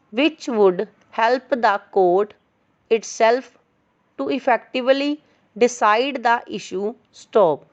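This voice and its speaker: Female dictation teacher: higher-pitched, very unhurried, measured phrase-by-phrase formal reading. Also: clear, resonant tone, lo-fi sound. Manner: dictation teacher's deliberate delivery in short phrases with pauses. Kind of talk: slow, measured legal dictation read aloud.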